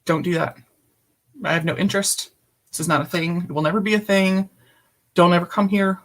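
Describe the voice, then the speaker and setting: A woman's voice: fairly low pitch, fairly even intonation, fairly quick. A woman guest telling a personal story in conversation, blunt and emphatic, swearing freely, over a video call.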